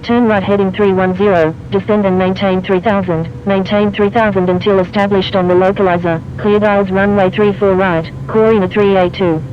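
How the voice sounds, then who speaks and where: A man's voice: sits high, flat delivery, moderate pace, hardly any pauses. A man voicing an airline pilot making calls over a cockpit headset radio, with clipped, formal phrasing. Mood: calm. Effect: pilot radio call over a cockpit headset. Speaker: airline pilot reading back instructions. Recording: muffled radio with faint noise.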